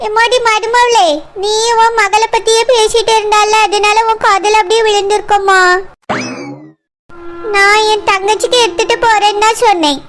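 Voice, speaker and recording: A sly old cartoon grandmother, played by a woman, coaxing and sugary, with a Kanyakumari Tamil accent. Her voice sits very high and squeaky for a grown woman. She stretches her words when she sweet-talks. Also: flat delivery, over music. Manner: coaxing, drawn-out endearments. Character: scheming old grandmother, sweet-talking mother-in-law.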